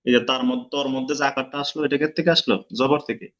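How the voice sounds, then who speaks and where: A man's voice: medium pitch, fairly even intonation, very fast, a bit bright, muffled recording. A man teaching an online lesson, explaining step by step and quizzing his students. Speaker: Quran recitation teacher.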